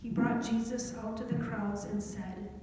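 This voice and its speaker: Slow-reading woman in an echoey church. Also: a little high, fairly even intonation, warm tone. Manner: slow, deliberate storytelling. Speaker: scripture reader. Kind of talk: scripture story reading. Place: church sanctuary. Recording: echoey hall with faint noise.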